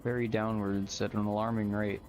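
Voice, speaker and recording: A man's voice: on the low side, little pitch movement, brisk, a little mellow, highs cut off, slight background noise. A man giving casual, chatty gameplay commentary, explaining things in colloquial language as he plays. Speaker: gamer hosting a modded survival game stream.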